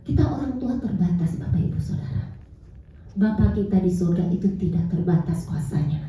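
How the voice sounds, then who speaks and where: A woman's voice: on the low side, lively intonation, fairly quick, warm tone. A middle-aged woman pastor preaching a sermon, repeatedly addressing the congregation and calling for amens. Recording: very echoey hall, distant mic.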